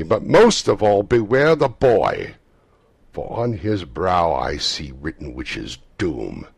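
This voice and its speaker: A man voicing a solemn, aging male Christmas spirit in a storybook reading, with booming, grave proclamations. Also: gravelly, darkish tone, slightly rough, dry recording, heavily acted.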